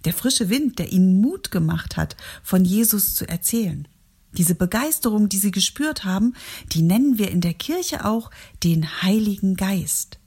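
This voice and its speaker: A woman narrates a Bible story for children, addressing them warmly and gently. Her voice is soft and breathy, at an ordinary pitch for a woman. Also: animated, moderate pace. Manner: gentle, warm reading to children.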